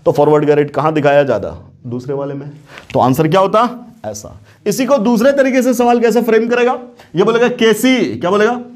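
A man with a high-pitched voice teaches chemistry to a class. He repeats his questions and keeps asking whether the students are clear. He talks in a casual, familiar way, calling them "beta". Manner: repeats questions, checks understanding often. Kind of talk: classroom lecture.

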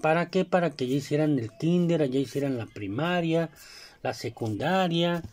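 Here a commentator with a Mexican Spanish accent talks at a normal speed in a slightly high, slightly mellow voice. He rambles casually with lots of fillers and asides, often tossing in "you know?"

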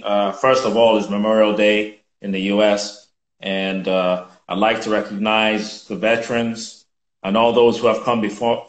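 A man in his fifties from Nigeria, a guest speaking in a measured, reflective way with many fillers over a video call from a room at home. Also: lowish voice, roomy sound, low-quality recording. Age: 50s. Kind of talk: conversational interview.

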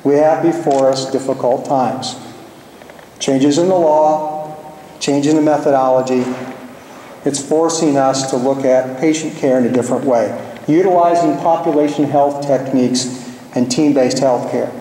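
Doctor guy giving a measured speech, mellow voice, echoey big hall. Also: medium pitch, steady tone, slight background noise. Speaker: physician giving a memorial lecture. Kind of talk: formal ceremonial speech with anecdotes. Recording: echoey hall, far from mic.

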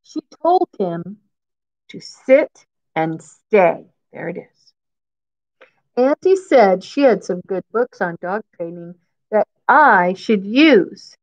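Very animated but slow, a medium-pitched woman in her fifties reads a picture book aloud to young kids in a classroom. Like a teacher, she repeats key phrases and gives simple explanations, and the recording sounds muffled.

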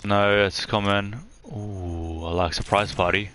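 A young man streaming live from his room on a headset mic, chatting excitedly as he opens game loot. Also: lowish voice, a little slow, soft background music. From Australia.

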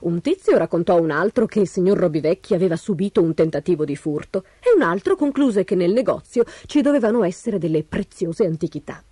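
A woman reading a children's storybook aloud, expressive and animated. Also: fairly low pitch, a little fast, hardly any pauses, husky, no echo.

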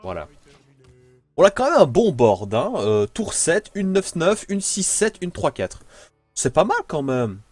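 A man's voice: on the high side, very animated, measured pace, dry recording. A man with a French accent giving casual, playful commentary on his own card game as he plays, thinking aloud. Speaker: gameplay commentator.

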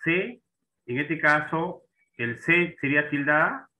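A man's voice: a little high, lively intonation, slow pace, bright, forceful tone. A man teaching an online class, often checking in with students and asking questions as he goes. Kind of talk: online class on Spanish accent marks. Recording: tinny phone-like online call audio.

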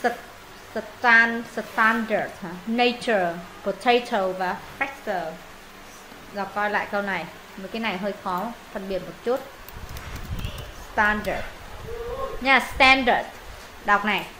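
Bright-voiced Vietnamese woman teaching English. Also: mid-range voice, measured pace, long pauses, a little hiss or hum, rough recording. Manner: repeats words for students, thinks aloud when unsure. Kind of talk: pronunciation lesson, explaining and modelling words.

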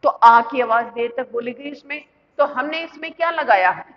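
A woman's voice: on the high side, moderate pace. A woman teacher explaining a lesson step by step, asking the class questions and answering them herself. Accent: Indian Hindi. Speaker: school teacher. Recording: muffled lo-fi with long reverb.

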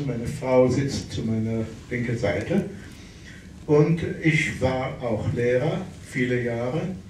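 Sixties man, retired teacher, measured self-introduction; distant camera, reverberant hall, hiss. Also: mid-range voice, darkish tone. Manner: slow, measured speech. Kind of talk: round-table self-introduction. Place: large wood-panelled hall indoors. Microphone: handheld mic, far camera.

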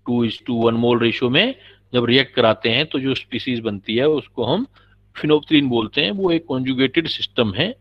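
In this dull, lo-fi recording of a classroom lecture, a male chemistry teacher patiently explains material and quizzes his students. He speaks at a medium pitch and a normal speed.

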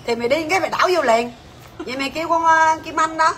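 Bright, high-voiced saleswoman. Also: quick pace, slight background noise. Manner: chatty, bossy and teasing, calls out prices and staff names. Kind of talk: livestream sales pitch.

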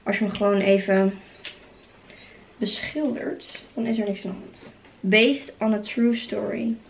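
A young woman chatting casually in a vlog from her bedroom, gushing and excited, talking to a handheld camera. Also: medium pitch, unhurried, creaky, slight background noise. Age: young adult. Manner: excitable, gushing, exclaims often. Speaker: vlogger. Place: bedroom at home. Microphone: handheld camera at arm's length.

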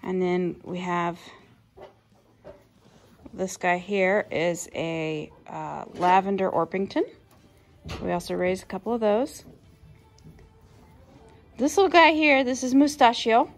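A woman's voice: mid-range voice, faint music behind. Woman, 30s, farm owner, friendly casual tour, phone-recorded. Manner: friendly, unhurried, introducing animals one by one. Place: outdoors and in a barn on a small farm. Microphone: handheld phone camera.

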